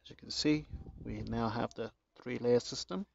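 A man giving a casual how-to narration in his garden, relaxed and chatty with jokey asides, recorded on a handheld phone. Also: mid-range voice, moderate pace, creaky, highs cut off, slight background noise. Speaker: gardening vlogger. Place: home garden, outdoors.

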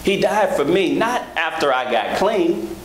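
A man in his thirties preaching a sermon from a church pulpit on a handheld microphone, rhythmic, rising to emphatic high peaks, with joking asides to the congregation. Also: big pitch swings, a little slow. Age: 30s. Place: large church sanctuary, at a pulpit. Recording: echoey church hall with background noise.

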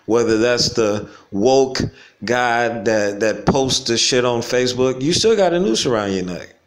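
A man's voice: mid-range voice, animated, measured pace. A man, talking casually and reflectively in a slangy, unscripted monologue for his vlog, chuckling often. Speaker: vlogger. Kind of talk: casual stream-of-consciousness monologue. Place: home in the Caribbean.

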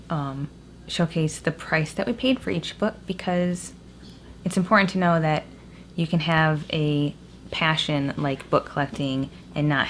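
A young woman chatting casually about a book haul as a vlogger, recorded in a small room with a cave-like echo. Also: low-pitched. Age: young adult. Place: small indoor room at home. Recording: echoey cave-like room, clear background noise.

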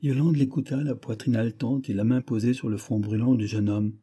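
A man narrating a short story for an audiobook in a measured, even storytelling manner with a husky voice. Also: mid-range voice. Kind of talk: scripted narration.

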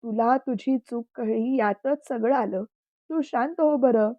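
Woman voicing dignified uncle, grave, gently kind, storybook reading, dry close sound. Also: very high-pitched, unhurried, no echo, lo-fi sound. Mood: kindly.

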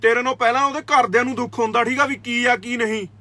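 A man's voice: very high voice, fairly even intonation, fast, bright, forceful tone. A young man with an Indian Punjabi accent, a kabaddi player, scolding his critics in a confrontational rant that repeats "theek aa". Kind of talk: angry direct-to-camera rant.

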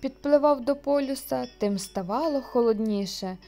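A woman reading a children's audio storybook aloud in a lively, expressive way. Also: high voice, moderate pace, soft background music.

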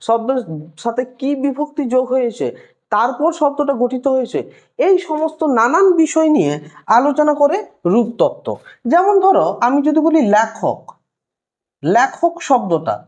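A woman teaching a language lesson, patient and explaining step by step, repeating key terms slowly. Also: sits high, a little mellow.

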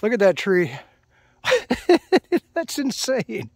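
A man's voice: very high voice, wildly swooping pitch, extremely slow, no room sound. A middle-aged man narrating a hike on camera while walking an outdoor trail, chatting casually with many fillers and restarts. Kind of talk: casual hiking commentary to camera. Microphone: handheld action camera, off-screen narrator.

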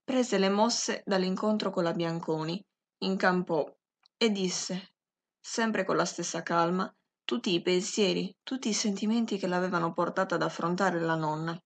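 A woman narrating a classic novel as an audiobook, reading in a slow, measured and expressive way. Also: on the low side. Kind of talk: scripted literary audiobook narration.

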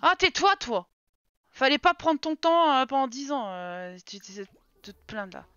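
Bright-voiced woman streaming a life sim. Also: sits high, sing-song, measured pace, clean tone, dry recording. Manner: chatty, exasperated, talks to game characters and chat. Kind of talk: casual live game commentary. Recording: slightly dull stream audio with game music.

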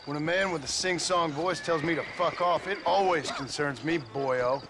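An actor playing a tough, dry-witted gunslinger in a video game, calm and quietly menacing. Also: male voice, fairly high pitch, moderate pace, noisy background, natural voice. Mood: stern. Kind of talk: video game cutscene acting.

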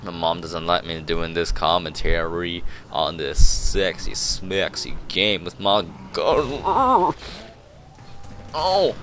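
A young man riffs through his gameplay in a goofy, rambling way, with sudden excited yelps. His pitch swings widely while his delivery stays unhurried, and faint room noise sits under his voice. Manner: jokey, rambling, bursts of excited yelps and laughter. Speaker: gameplay commentator. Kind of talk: goofy live gameplay commentary.

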